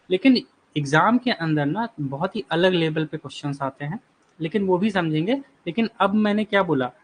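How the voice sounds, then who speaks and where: A man teaching a live online exam-prep class, reassuring students, reading out their replies and explaining terms slowly with questions he answers himself. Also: a little high. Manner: reassuring, repeats "ठीक है" and "बिल्कुल" while reading out student replies.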